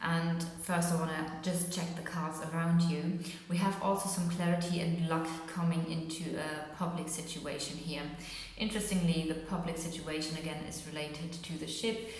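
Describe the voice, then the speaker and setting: A woman's voice: low-pitched, steady tone, moderate pace. A woman hosting a tarot reading, talking informally and directly to her viewers in a casual, chatty way. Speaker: tarot reader and channel host. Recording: very echoey, reverberant room.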